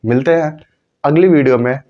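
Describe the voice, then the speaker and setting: A man's voice: fairly high pitch, moderate pace, lo-fi sound. A man teaching English pronunciation, drilling example words by asking and repeating them. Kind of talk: classroom-style lesson.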